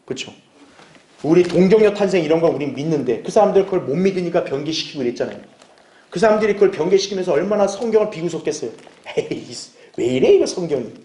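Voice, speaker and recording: A man preaches to his congregation in a relaxed, talky way, often turning questions back to the listeners and briefly acting out little exchanges. His voice sits a little high for a man. The sound rings around a roomy church hall. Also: fast talker. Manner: conversational, asks the congregation questions and acts out short dialogues. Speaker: pastor. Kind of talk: sermon, Bible exposition.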